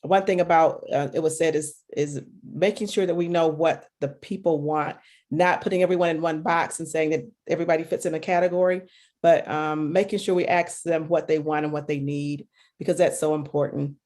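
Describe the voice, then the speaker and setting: A woman from Michigan who works as a clinical social worker, speaking sincerely at an online group meeting with frequent pauses. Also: deep voice, steady tone, a little mellow. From Michigan, USA.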